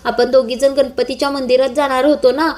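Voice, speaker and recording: A woman's voice: high-pitched, little pitch movement, a little fast, a little mellow, natural voice. A woman voicing a worried young daughter begging her mother for answers, in a plain reading voice. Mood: pleading. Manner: pleading, insistent.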